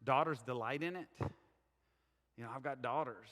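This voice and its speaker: A man's voice: medium pitch, moderate pace, fairly bright tone. A middle-aged man with a Southern American accent, preaching a sermon in a conversational, candid and earnest way. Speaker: pastor. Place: church sanctuary. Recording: echoey church hall.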